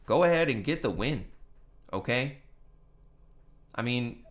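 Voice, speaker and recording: A man's voice: medium pitch, expressive, slow. A man hosting his own fight predictions video, talking casually and getting worked up, swearing often and repeating himself for emphasis. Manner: heated and profane, lots of "come on now" and "you know what I mean". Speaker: host of a fight picks channel.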